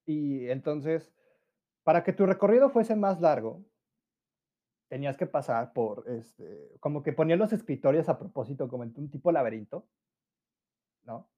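A nineteen-year-old Mexican man with a Mexican Spanish accent hosts a casual solo podcast, chatty and full of slang, laughing often and imitating his friends' voices. His voice is on the high side and animated, at normal speed, with frequent pauses. The sound is lo-fi.

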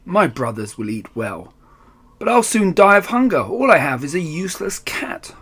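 A man's voice: high-pitched, very animated, normal speed, fairly bright tone, slightly rough, voice pushed up, exaggerated voice. A man doing a grumbling poor young miller's son. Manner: grumbling, complaining.

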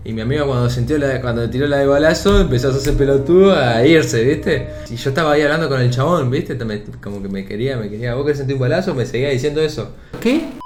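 A young man with an Argentine accent telling a casual anecdote in a rambling, animated way, full of slang fillers. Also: medium pitch, fast, few pauses, faint music behind. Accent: Argentine Rioplatense Spanish. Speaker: storyteller. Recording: roomy echo.

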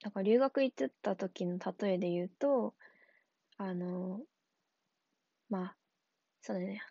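Relaxed woman with a gravelly, husky voice. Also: medium pitch, takes it slowly, no room sound, dull audio. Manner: relaxed, rambling, laughs often, many fillers. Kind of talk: casual solo talk.

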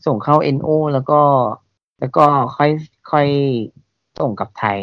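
A man's voice: a little high, moderate pace, creaky, dry recording, highs cut off. A man co-hosting a casual podcast, who often hesitates and searches for words. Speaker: podcast co-host.

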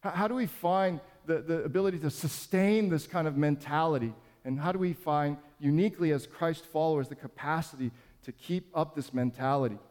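A man's voice: on the high side, brisk, a little mellow, big-room sound. A man preaching a sermon as pastor, earnest and conversational, with light self-deprecating humor.

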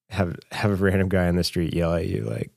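Low, level and a little mellow, this young podcast co-host's voice is creaky and moves at normal speed. He chats casually and rambles with many fillers and restarts, captured dry in a clean studio.

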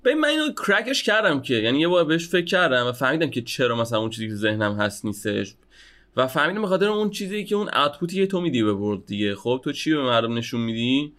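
A man's voice: mid-range voice, very animated, fairly bright tone. A young man talking on a casual podcast, thinking aloud and hedging with many fillers. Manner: reflective, hedges with many fillers. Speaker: podcast co-host.

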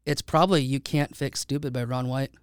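A man's voice: medium pitch, steady tone, brisk, clear, resonant tone, no echo, studio quality. A man hosting a podcast, talking casually with many restarts and fillers. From United States. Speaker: podcast host. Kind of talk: casual chat. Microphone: studio microphone.

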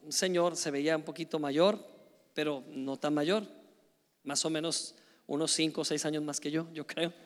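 A man preaching a sermon, telling stories in a lively, conversational way with frequent tag questions. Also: on the high side, moderate pace, in a large hall. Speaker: pastor. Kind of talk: sermon with storytelling.

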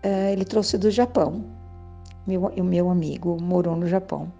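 An older woman shares memories in a mellow, dark-toned voice. She muses gently and often turns to the listener with small asides. Faint music plays softly behind her. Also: on the low side, steady tone, normal speed, vocal fry, lo-fi sound. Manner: gentle, musing, with soft laughs and asides to the listener. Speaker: vlogger. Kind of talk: reflective storytelling monologue. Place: home, indoors.

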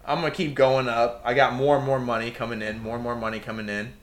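A man in casual podcast chat, rambling and animated, swearing freely as he riffs on life and relationships. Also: medium pitch, fast talker.

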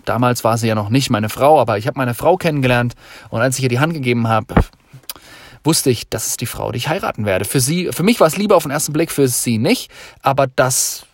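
Speaking briskly in a mid-range voice, a young podcast host gives a motivational monologue off the cuff. He's emphatic and free-flowing, hammering his points home through repetition.

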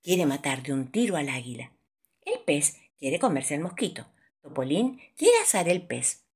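Lady reading a kids story out loud, singsong and playful, pitch all over the place. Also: sing-song, a little slow, husky. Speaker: storybook narrator. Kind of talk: children's story reading with character voices.

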